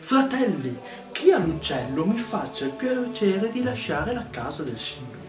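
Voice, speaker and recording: A man's voice: high-pitched, big pitch swings, a little slow. A man doing a flustered scolding village priest. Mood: exasperated. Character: exasperated middle-aged male parish priest. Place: restaurant pizzeria. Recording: echoey, distant, loud music behind.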